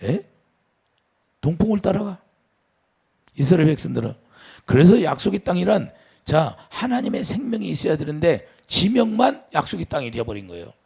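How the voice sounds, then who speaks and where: Man, pastor, sermon, gravelly, husky, lively swings in pitch, questions to the congregation. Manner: preaching with sudden rises and drops, asks the congregation questions.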